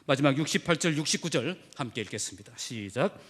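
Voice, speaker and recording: A man's voice: medium pitch, animated, fast, fairly bright tone, breathy edge. A male pastor delivering a sermon with emphatic preaching and rhetorical questions to his congregation. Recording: reverberant hall sound.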